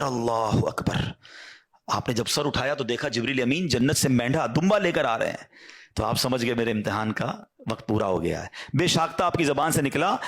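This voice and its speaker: A man's voice: a little high, fairly bright tone. A man preaching a sermon, telling a story with feeling, breaking into sighing exclamations and rhetorical questions.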